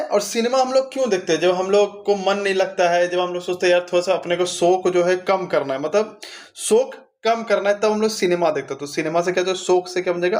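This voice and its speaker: A male exam coaching teacher revising memory tricks, asking questions and answering them himself in a chatty, friendly way. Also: high voice. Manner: chatty, addresses students as bhai.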